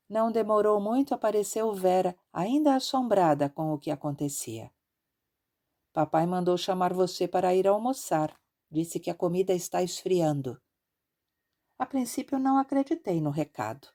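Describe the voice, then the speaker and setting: A woman narrating an audiobook in a measured, expressive reading style. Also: sits low.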